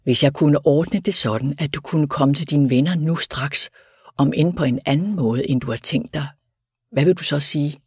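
A man voicing death's grim male driver in a solemn, measured way. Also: on the high side, breathy edge, no room sound, clean studio sound.

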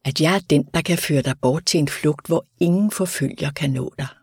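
Male reader as grim death-driver, slow solemn delivery, husky. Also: fairly high pitch, dry recording, studio quality.

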